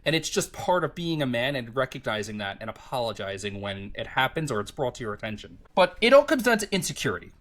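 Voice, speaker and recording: Lively rambling man in his thirties. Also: medium pitch, fast talker, hardly any pauses. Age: 30s. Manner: rambling, self-reflective, filler-heavy. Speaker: podcast host. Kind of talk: casual chat.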